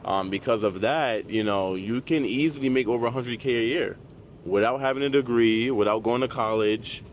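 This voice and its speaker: A man's voice: medium pitch, moderate pace. A man talking casually as a car salesman giving advice in a vlog, in a conversational way that repeats points for emphasis. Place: outdoors at a car dealership. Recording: noisy outdoor lot, vehicle and dryer noise. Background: loud dryer and passing cars.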